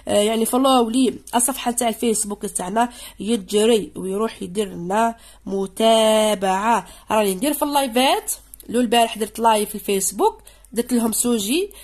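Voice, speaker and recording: A woman teaching English to secondary students in Algerian Arabic, going through an exam and reading out English words slowly, again and again. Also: on the high side, a little mellow. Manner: explains in dialect, reads English slowly and repeats words.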